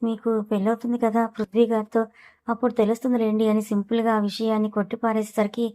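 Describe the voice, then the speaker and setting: A woman's voice: a little high, little pitch movement, fast talker, mellow, natural voice. A woman reading a storybook voices a shy, innocent young married woman who speaks politely and coyly.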